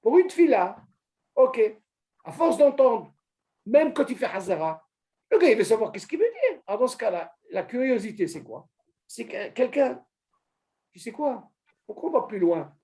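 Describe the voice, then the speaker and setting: A man teaching an informal religious lesson to a small group, animated, asking questions and calling on a student by name. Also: extremely high pitch, moderate pace, pauses often. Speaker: Torah teacher.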